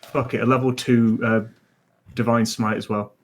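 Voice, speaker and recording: Mid-pitched male tabletop player. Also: little pitch movement, normal speed. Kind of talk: casual game chat.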